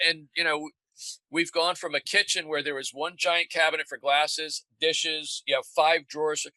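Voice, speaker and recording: A man's voice: on the high side, flat delivery, moderate pace, bright, forceful tone, dry recording, poor audio. A man guest in a casual interview, telling upbeat, proud stories about fixing his boat himself. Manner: upbeat, proud, jokey storytelling.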